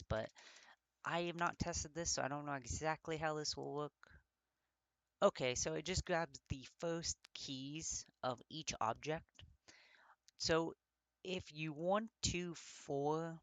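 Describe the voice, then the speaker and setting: Halting, tongue-tied man teaching code. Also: a little high, gravelly, a bit bright, no echo. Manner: halting, gets tongue-tied and corrects himself; thinks aloud with many fillers. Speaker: coding tutor. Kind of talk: casual screen-recorded coding walkthrough.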